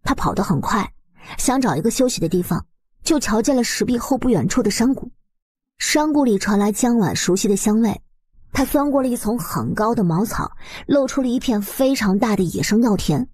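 A woman's voice: fairly high pitch, lively intonation, fairly quick, darkish tone, slightly rough, dry recording. A woman narrating a webnovel story expressively, in a colloquial, dramatizing storyteller's manner.

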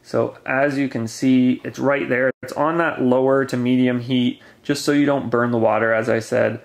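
A man's voice: medium pitch, fairly even intonation, moderate pace, creaky. A man casually explaining how to make camp coffee, talking step by step at a picnic table in a forest. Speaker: camping gear reviewer.

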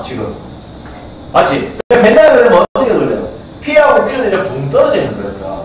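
Male Gyeongsang math teacher, high lively voice, quizzing students, taped from far back in an echoing classroom. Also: a little hiss or hum. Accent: Gyeongsang Korean. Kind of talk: classroom lecture. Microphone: far camcorder. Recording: echoey classroom from a far camcorder.

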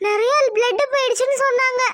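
Woman doing squeaky high cartoon village girl, bossy and bright, keeps telling her friend she'll handle it. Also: steady tone, fast talker, slight background noise. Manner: bossy, reassuring, rustic Tamil speech. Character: bold protective young village woman friend.

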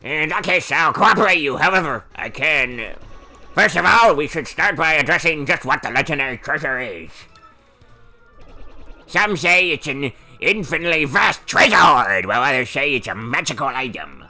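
A man's voice: on the high side, animated, moderate pace, sharp tone, soft background music, voice pushed up, exaggerated voice. A man voicing an elderly, absent-minded male Goomba professor while reading game dialogue on stream. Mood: scholarly. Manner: flustered, fumbling old-man voice.

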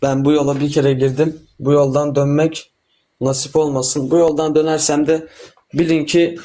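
A man's voice: a little high, level tone, moderate pace, dark tone. A teenage boy of seventeen talking earnestly and casually as a livestream guest, polite and deferential.

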